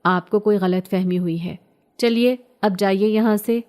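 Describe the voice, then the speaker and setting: A woman's voice: medium pitch, fairly even intonation, darkish tone, natural voice. A woman voicing a scared but headstrong young village girl, pleading and defiant by turns. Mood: agitated.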